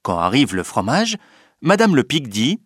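A man reading a children's story aloud in an expressive, unhurried way. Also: medium pitch, breathy edge, no echo, studio quality. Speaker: narrator.

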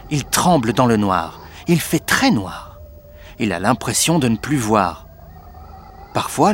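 A man reading a children's story aloud in an expressive, unhurried way. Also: mid-range voice, slight background noise. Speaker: narrator.

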